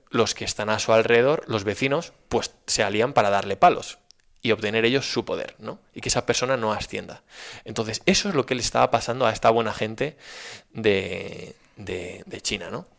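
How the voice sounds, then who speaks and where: A man with a Spanish accent telling a story in a casual, animated, folksy way, often checking in with his listener. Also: on the low side, vocal fry. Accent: Spain. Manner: animated, folksy, frequent "¿vale?" check-ins.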